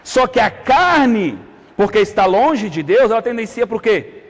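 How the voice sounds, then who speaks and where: A man preaching a sermon, calling out to the congregation and swinging between loud peaks and hushed asides. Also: high-pitched, very animated, measured pace. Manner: calls out to the congregation with repeated "amém, irmão?". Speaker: apostle preaching. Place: church hall. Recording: hall reverb.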